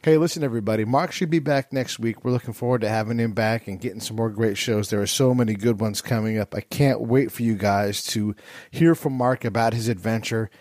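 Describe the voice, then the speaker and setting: A man's voice: lowish voice, a little fast, darkish tone, no echo, studio quality. A man filling in as host, reading a scripted podcast introduction in an upbeat announcer manner.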